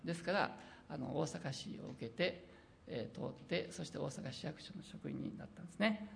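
A middle-aged preacher and missionary from Osaka with an Osaka accent. They give an earnest sermon, read scripture slowly, and slip into dialect. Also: medium pitch, gravelly. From Osaka, Japan. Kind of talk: sermon with personal testimony.

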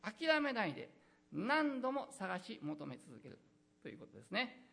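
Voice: medium pitch, huge pitch swings, moderate pace, gravelly, fairly bright tone, slightly rough. A pastor preaching a sermon in an earnest, exhorting manner, with frequent hesitant fillers.

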